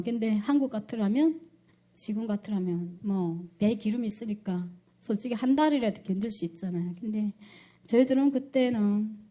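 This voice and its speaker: A middle-aged woman with a North Korean accent telling her personal testimony, acting out quoted speech loudly with rising intensity. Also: medium pitch. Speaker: church deaconess giving testimony.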